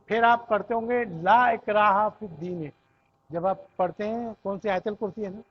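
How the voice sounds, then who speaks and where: Male grammar teacher from Pakistan, patient lecturing manner, lighter pitch, muffled recording. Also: steady tone. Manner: explains patiently, often checks with "theek hai?". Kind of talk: classroom lecture.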